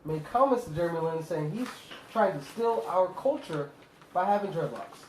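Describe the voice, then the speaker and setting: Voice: mid-range voice, animated, normal speed, a little hiss or hum. A co-host of a casual basketball talk show, laid-back and teasing. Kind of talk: casual sports chat. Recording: echoey room.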